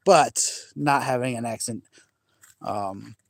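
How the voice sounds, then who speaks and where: There's vocal fry in this medium-pitched, slow male voice, and the recording is dry. He's a middle-aged vlogger from Maine with a faint accent, rambling and laughing easily in a casual live chat with viewers, restarting often, while holding a phone camera by a large lake at sunset.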